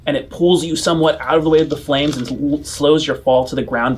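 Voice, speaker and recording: A man's voice: medium pitch, a little hiss or hum. A man narrating as game master of a tabletop game, rambling with many fillers and restarts.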